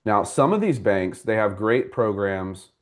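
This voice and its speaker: Low-voiced man explaining mortgages casually. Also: animated, measured pace. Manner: conversational, explains step by step and addresses viewers by name. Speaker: mortgage broker and class host. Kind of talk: live class with audience questions.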